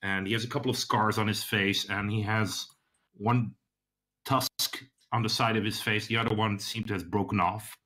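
Low-voiced game master, halting narration. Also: male voice, steady tone, pushed and bright. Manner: halting, many fillers and restarts.

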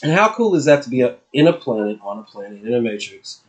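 A man's voice: mid-range voice, big pitch swings, quick pace. A man co-hosting a casual spiritual podcast chat, laid-back and profane, often laughing. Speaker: podcast co-host.

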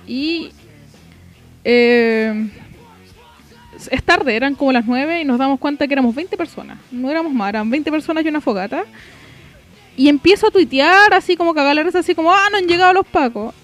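Young Chilean woman, high-pitched, lively, slangy podcast co-host. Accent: Chilean Spanish. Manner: animated storytelling, heavy slang. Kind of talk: casual chat.

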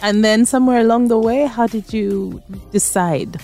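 A woman's voice: a little high, normal speed, mellow, soft background music. Chatty woman radio host. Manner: chatty, playful, laughs easily. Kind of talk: casual radio interview. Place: radio studio.

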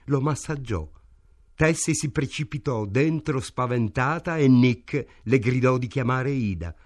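A male narrator reads a literary novel with slow, deliberate pacing. His mid-pitched voice sits close to the mic in a dry studio. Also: no echo. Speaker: audiobook narrator. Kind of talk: literary audiobook reading. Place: radio studio.

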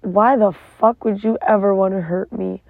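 A woman's voice: mid-range voice, fairly even intonation, normal speed, gravelly, dry recording. A woman talking in a casual, rambling, emotional confessional monologue with frequent swearing, recorded inside a parked car. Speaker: vlogger. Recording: tinny phone-like sound.

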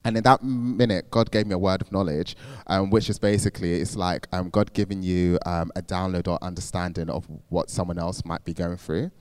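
A man's voice: sits low, steady tone, a little fast, a little mellow, smooth, dry recording. Young man telling a testimony. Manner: chatty storytelling with many fillers and acted quotes. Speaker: speaker. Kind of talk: testimony talk.

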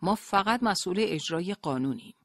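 A narrator voicing a male police interrogator who questions with polite, feigned calm in an audiobook. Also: medium pitch, no room sound, clean studio sound, voice pushed up, lightly acted. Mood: cool pressing.

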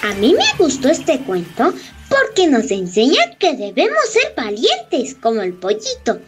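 Lady on a kids story show, high voice, super sing-songy, slow and careful. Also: huge pitch swings, music in the background. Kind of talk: children's show commentary.

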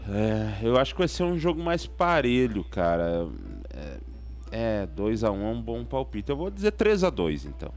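A man's voice: medium pitch, wildly swooping pitch, normal speed, darkish tone. A man with a southern Brazilian accent in casual chat on a radio show. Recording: music bed behind the voice.

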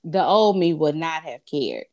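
A woman, talking things over in a relaxed, reflective way. Her voice sits a little low for a woman, and she turns animated when she acts out what she once said. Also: unhurried, muffled recording. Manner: reflective, animated when quoting herself, laughs often. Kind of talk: casual conversation.

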